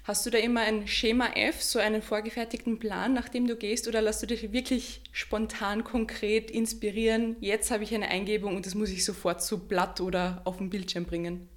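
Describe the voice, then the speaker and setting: A woman hosting a podcast, asking friendly, clearly phrased questions. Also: medium pitch, flat delivery, brisk, hardly any pauses. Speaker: podcast host, editor. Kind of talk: interview podcast.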